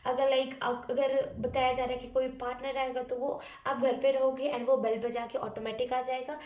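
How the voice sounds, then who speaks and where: A woman talks through a casual pick-a-card tarot reading in a high voice. She is chatty, drops in fillers and switches between languages. The room around her is echoey. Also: little pitch movement, normal speed, a little mellow. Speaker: tarot reader.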